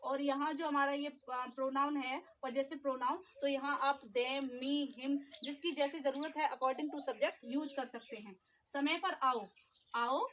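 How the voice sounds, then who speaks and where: A woman teacher, explaining short sentences step by step and repeating each phrase slowly. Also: sits high, steady tone, fairly bright tone, slight background noise. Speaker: English teacher. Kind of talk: spoken English lesson.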